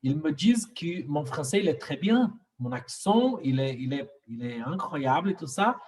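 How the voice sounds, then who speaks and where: A man with a Latin accent who learned the language as an adult, talking in a halting, casual way with many fillers. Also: a little high, lively intonation, darkish tone, a little hiss or hum. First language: Spanish or another Latin language. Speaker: student and conversation partner. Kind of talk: casual conversation. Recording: voice a bit far from the mic.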